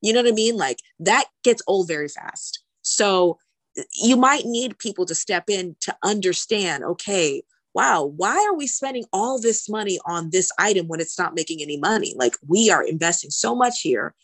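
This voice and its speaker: A woman's voice: medium pitch, animated, moderate pace, fairly bright tone, dry recording. A woman speaking casually as an interview guest, explaining things conversationally and repeating words for emphasis. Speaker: podcast guest, healthcare lawyer.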